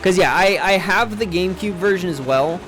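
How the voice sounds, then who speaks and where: A man's voice: high-pitched, moderate pace, a bit bright. A young man streaming a game, rambling in casual chat and swearing freely. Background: game music.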